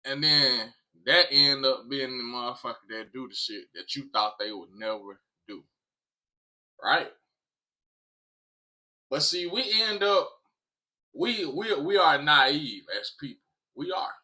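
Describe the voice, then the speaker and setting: A man's voice: mid-range voice, expressive, slow, pauses often, bright, forceful tone. An American man talking casually to viewers in an emphatic way, repeating phrases and swearing freely. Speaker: vlog host.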